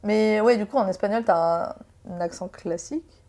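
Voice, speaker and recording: A woman hosting a podcast, interviewing her guest in a relaxed, curious way with follow-up questions. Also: medium pitch, moderate pace, vocal fry. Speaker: podcast host.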